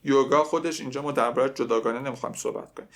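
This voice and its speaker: A young man teaching a language lesson, slowly repeating phrases and conjugating verbs aloud, with joking asides. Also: mid-range voice, fairly even intonation. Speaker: French teacher.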